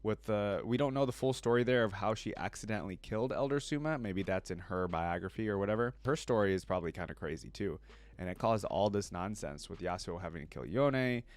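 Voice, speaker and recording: Hosting a reaction video, a man reads story text aloud and tosses in casual, exclamatory commentary. His voice is fairly low, animated and brisk, and his manner informal.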